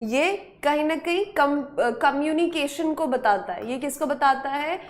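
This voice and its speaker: A woman's voice: high-pitched, measured pace. A woman teaching an online spelling and vocabulary class, mixing Hindi with English words and coaxing students by repeating each question and answer.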